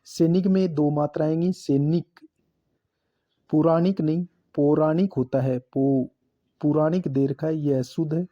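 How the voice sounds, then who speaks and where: A man teaching a spelling lesson for exam prep, slowly repeating each word and marking it correct. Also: fairly high pitch, steady tone, mellow, muffled recording.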